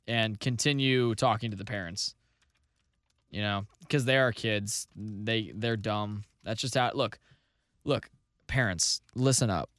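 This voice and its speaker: A young man with a slightly worn, hoarse voice co-hosting a podcast in casual, sweary, joking chat. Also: fairly low pitch, a bit bright, no room sound, clean studio sound. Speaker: podcast co-host.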